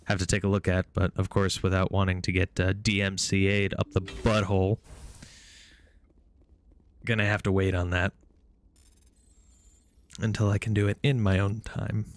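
A man's voice: low-pitched, flat delivery, moderate pace, long pauses. A man chatting casually on a gaming live stream, rambling with frequent fillers and restarts.

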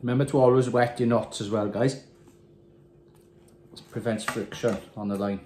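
A calm Welsh angler talks plainly through a casual step-by-step tutorial, demonstrating a fishing rig while tying knots. His mid-range voice moves at normal speed with slight background noise. He's recorded on a phone camera sitting on the desk in a small, echoey indoor room with windows.

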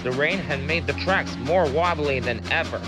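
A man narrating a children's story in an animated storytelling way, with music behind. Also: fairly high pitch, moderate pace.

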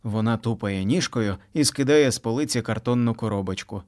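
A man reading a children's picture book aloud with expressive, sing-song storytelling. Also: medium pitch, brisk.

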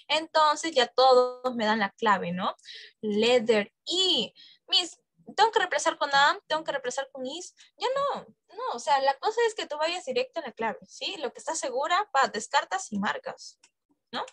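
A woman's voice: sits high, animated, normal speed, a bit bright, no room sound. A woman teaching an English exam-prep class, coaxing students and checking in with frequent questions.

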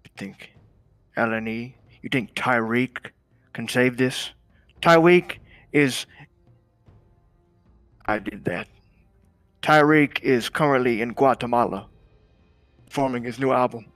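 A man's voice: medium pitch, takes it slowly, long pauses, a bit bright, no echo. A man playing an intense, menacing, aggrieved music boss in an improvised crime game role-play, brooding and repeating himself for effect. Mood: stern.

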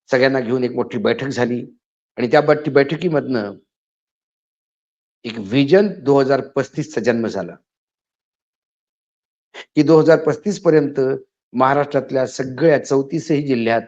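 A man's voice: mid-range voice, a little mellow. A man giving an indignant spoken editorial, his voice rising to emphatic outbursts. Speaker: political commentator. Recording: slightly dull lo-fi audio.

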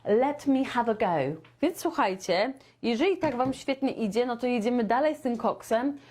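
A young woman teaching English in a live online lesson, lively and chatty, often turning to her viewers and acting out everyday dialogues. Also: fairly high pitch, normal speed.

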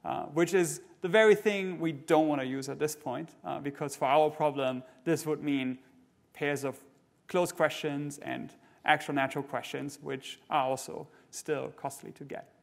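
A middle-aged man delivers a conference keynote with a voice pitched a little high. He explains things step by step in a measured way, with frequent fillers and small restarts. He speaks from a large stage into a headset mic. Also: fairly even intonation, gravelly.

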